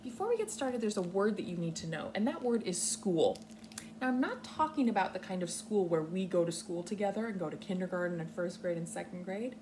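In a clearly noisy home recording, a young American woman on a couch indoors reads aloud and explains simply for small children, kindergarten-teacher style. Her fairly low voice has lively intonation and a brisk pace.

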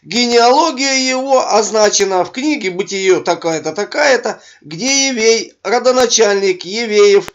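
High-voiced man with a burred R. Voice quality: burred r, a speech impediment on the r sound. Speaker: video blogger. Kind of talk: reading texts aloud with informal commentary. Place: voice-over recorded over a screen capture. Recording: dull, lo-fi microphone sound.

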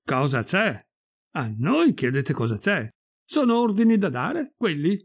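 A man voicing indignant housemaids scolding their master in a shrill way. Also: sing-song, a little slow, breathy edge, heavily acted.

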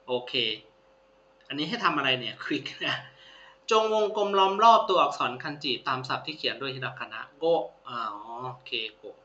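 A man's voice: on the high side, sharp tone. A man teaching a language lesson, patiently repeating each word and praising his students. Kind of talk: classroom-style lesson. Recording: roomy, dull lo-fi sound with faint hum.

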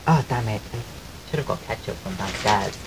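A man with a soft voice that people often take for a woman's, chatting casually on a live stream at home and thanking his viewers. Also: lowish voice, normal speed. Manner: chatty and rambling, thanks viewers while eating. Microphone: desk microphone. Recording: clear background noise on the stream mic.

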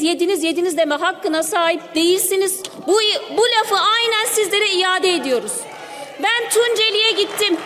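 A woman lawmaker giving a forceful parliamentary speech at a rostrum microphone, firing off rhetorical questions. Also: extremely high pitch. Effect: speaking at a parliamentary rostrum microphone. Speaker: member of parliament. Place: parliament chamber. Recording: crowd murmur of parliament chamber.

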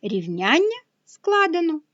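A woman's voice: very high-pitched, big pitch swings, takes it slowly, fairly bright tone, dry recording, dull audio. A woman math teacher explaining a lesson patiently, step by step.

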